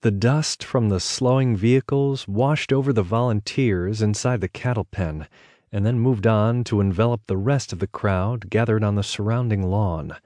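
A man narrating an audiobook in a measured, even storytelling delivery on a close microphone. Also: fairly low pitch, dry recording.

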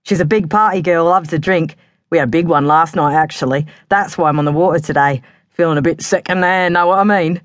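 A woman's voice: low-pitched, fairly quick, dry recording, studio quality, voice pushed up, natural voice. A woman voicing a flirty, self-assured male pub licensee in his early thirties with a Cockney accent, overly familiar and chummy. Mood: chummy flirting.

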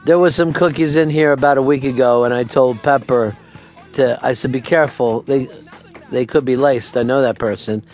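A man's voice: mid-range voice, fairly even intonation, normal speed, a little mellow, faint music behind. A man hosting a talk radio show, trading sarcastic, profane jabs with his co-hosts in the studio. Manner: teasing, sarcastic, swears freely.

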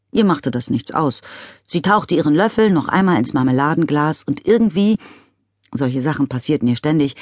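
A woman narrating an audiobook, expressive and wry, close to the mic. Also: sits low, no room sound. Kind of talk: scripted narration.

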